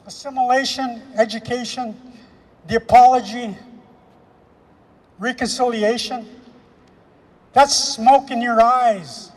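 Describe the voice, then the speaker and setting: A man from Canada delivering an impassioned speech at an outdoor rally, emphatic and repetitive, slowing down to stress key phrases. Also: very high-pitched, fairly even intonation, big-room sound. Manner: emphatic, repetitive, with slow weighty pauses. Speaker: rally speaker.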